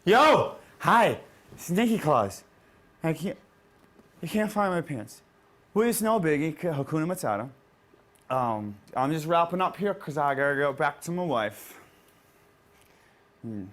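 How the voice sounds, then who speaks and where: A man's voice: big pitch swings, unhurried, pauses often, fairly bright tone. A man playing a scatterbrained rambling Santa. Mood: giddy rambling. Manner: rambling, high-spirited, distracted. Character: goofy rambling male Santa Claus, scatterbrained. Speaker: comedy bit guest.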